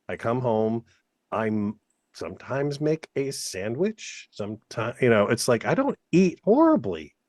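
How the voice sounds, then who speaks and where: A man's voice: on the low side, no echo, clean studio sound. A man chatting casually as a podcast co-host, rambling and joking at his own expense with some swearing. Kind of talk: casual chat.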